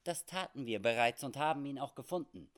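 A man doing a cool hired scout, measured and matter-of-fact. He keeps close to the reader's own voice with a lively, story-telling lilt, in a spoken adventure tale. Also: medium pitch, voice pushed up, lightly acted. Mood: questioning. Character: calm hired male frontier scout.

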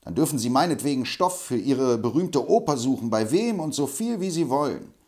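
A man's voice: mid-range voice, very animated, fairly quick, a little mellow, pitched above the performer's own voice. A man doing a stern frontier hero. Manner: firm and commanding. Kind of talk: audiobook reading.

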